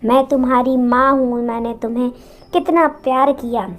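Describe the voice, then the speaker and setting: A woman's voice: sits high, fairly even intonation, normal speed, soft background music, close to an everyday voice. A woman voicing a frail, mistreated elderly mother who pleads with her son in a spoken story. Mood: pleading.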